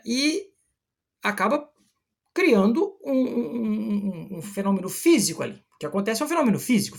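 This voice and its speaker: Lady teaching a poem, kinda breathy, voice goes up and down a lot, reads lines slow. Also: mid-range voice. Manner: explains step by step, slows to read verses aloud. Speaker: literature teacher. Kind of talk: explanatory poetry lesson.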